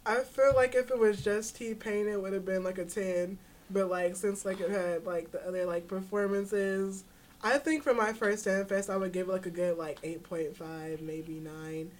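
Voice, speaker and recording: A woman's voice: mid-range voice, moderate pace. Young woman talking casual, lotsa "like", faint room noise behind. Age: young adult. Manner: relaxed, many filler likes. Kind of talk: casual chat.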